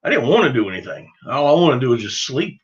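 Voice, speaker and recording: Answering viewers on his duck hunting livestream, a middle-aged Southern man talks fast in a mid-range voice with big swings in pitch. He rambles casually with a folksy, self-mocking charm, and the sound is dull.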